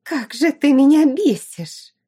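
A woman voicing a furious, spoiled young noblewoman who shrieks and yells hysterically. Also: fairly high pitch, unhurried, breathy edge, voice pushed up. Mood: shrieking fury. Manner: shrieking, yelling. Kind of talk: audiobook character voice.

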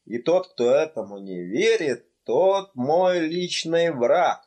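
A man's voice: fairly high pitch, expressive, slow pace, a little mellow, pitched above the performer's own voice. A male reader voicing a jovial registrar in a storybook, hearty and emphatic. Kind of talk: audiobook character voice.

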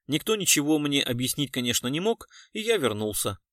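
A man's voice: on the high side, sing-song, a little fast, a bit bright, no echo, studio quality. A man voicing a formal male army engineer major who answers in clipped military phrases.

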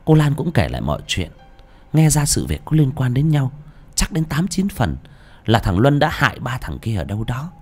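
A man giving dramatic, expressive scripted narration of a horror story. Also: medium pitch, moderate pace, faint music behind. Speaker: audiobook narrator.

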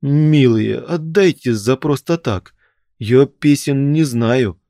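A man's voice: medium pitch, animated, slow, mellow, dry recording, clean studio sound. A man voicing a frightened young man who timidly pleads to be let go. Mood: frightened pleading.

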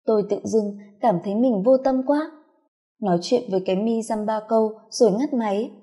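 A woman narrating a first-person story in a soft, intimate, confessional way. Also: on the high side, a little fast.

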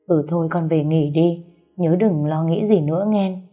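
A woman's voice: sits low, moderate pace, soft background music. Woman voicing a firm, caring old grandmother. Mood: admonishing. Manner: steady, admonishing.

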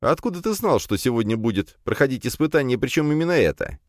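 A man voicing a sharp-tongued young male hero with sarcastic, quick retorts. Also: medium pitch, animated, no room sound, studio quality, voice pushed up, close to an everyday voice. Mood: mocking.

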